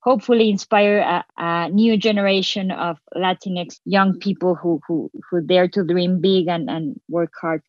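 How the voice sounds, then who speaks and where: A woman's voice: on the low side, steady tone, normal speed, hardly any pauses, no room sound, highs cut off. A woman from Mexico with a Mexican accent, a filmmaker guest speaking earnestly in a radio interview, often restarting her words.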